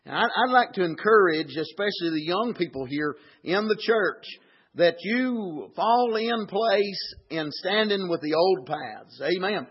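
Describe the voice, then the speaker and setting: A man's voice: high voice, expressive, unhurried, breathy edge, dull audio. A man preaching a sermon in an old-time cadence, dropping frequent amens. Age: 40s. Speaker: pastor.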